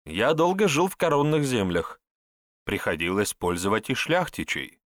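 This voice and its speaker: A man voicing a nervous, evasive male herbalist who is secretly a disguised priest, speaking in hurried, flustered replies. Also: medium pitch, big pitch swings, dry recording, studio quality, voice pushed up, natural voice.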